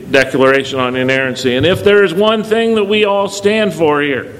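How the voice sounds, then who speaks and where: A man's voice: mid-range voice, a bit bright, a little hiss or hum, low-quality recording. A man leading a church congregation as pastor, preaching emphatically and repeating key words for stress. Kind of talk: sermon.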